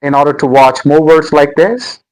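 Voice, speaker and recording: A man's voice: fairly high pitch, moderate pace, a little mellow, poor audio. A man teaching English word stress in a pronunciation lesson, saying each word again and again with the stressed syllable made prominent. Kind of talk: slow, deliberate pronunciation lesson.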